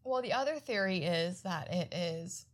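A woman co-host casually recounting what she has read, in a relaxed way and laughing easily. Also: fairly low pitch, moderate pace. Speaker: podcast co-host presenting the research. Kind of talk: casual conversational storytelling.

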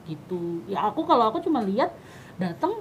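A young woman chatting casually as a podcast guest, telling her stories in an animated way. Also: a little high, brisk, slight background noise. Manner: animated storytelling with laughs.

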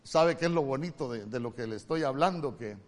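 A male pastor with a Honduran accent preaching a sermon, moving from loud emphatic calls to soft, hushed lines. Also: medium pitch, expressive, a little fast. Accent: Honduran Spanish.

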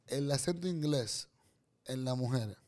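A man's voice: mid-range voice, measured pace. Joking dominican guy, crude banter. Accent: Dominican Spanish. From Dominican Republic. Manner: joking, teasing, bursts of loud laughter.

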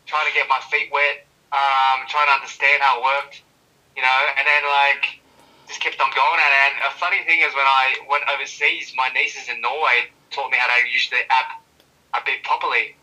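A man chatting as an interview guest, loose and rambling, full of fillers and restarts. His voice is very bright and a little sharp. He sits back from the mic, so he sounds thin and far off. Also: medium pitch, little pitch movement, normal speed. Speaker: interview guest, social media creator. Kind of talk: casual interview chat.

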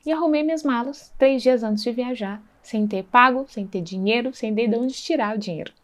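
At normal speed and fairly high pitch, a woman shares her personal testimony of faith. She keeps it earnest and conversational, performing dialogue and repeatedly checking in with listeners via tag questions.

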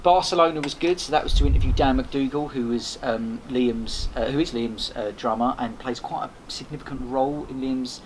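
A man's voice: medium pitch, fairly quick, hardly any pauses. A man, a podcast host appearing as a guest, telling a rambling casual story full of restarts and swearing. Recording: noisy background hiss.

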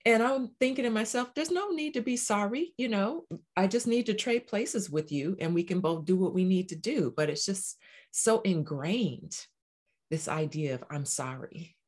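Earnest woman guest, lowish voice. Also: normal speed, a little mellow. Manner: earnest, emphatic, affirming. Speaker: podcast guest, life coach. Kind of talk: casual conversational chat.

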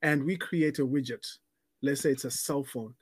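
A man's voice: mid-range voice, moderate pace, husky, no room sound, studio quality. A man co-hosting a casual podcast, explaining dating advice with business analogies, often restarting words.

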